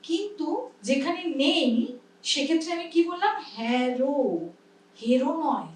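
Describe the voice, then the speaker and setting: High-voiced woman teaching, echoey room. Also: lively intonation, normal speed. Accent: Bengali. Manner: explains patiently, checks understanding often. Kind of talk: pronunciation lesson in a workshop. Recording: echoey room, mic at a distance.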